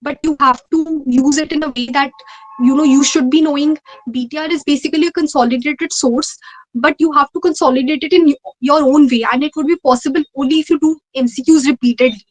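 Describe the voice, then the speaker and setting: A woman's voice: high-pitched, fairly even intonation, a little fast, poor audio. A young adult woman with an Indian accent giving earnest, conversational interview answers, repeating phrases for emphasis. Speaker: interview guest, medical postgraduate exam ranker.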